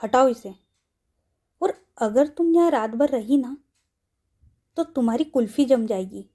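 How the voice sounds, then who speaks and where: A woman's voice: fairly high pitch, a little slow, dark tone. A woman voicing a stubborn, angry young woman who speaks in a cold, scolding way in a storybook audio drama.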